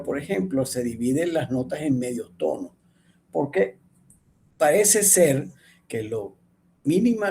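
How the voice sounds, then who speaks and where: A man's voice: medium pitch, a little mellow, slight background noise. A man teaching an online class, explaining step by step, often checking in with the students, with frequent restarts and fillers. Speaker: instructor.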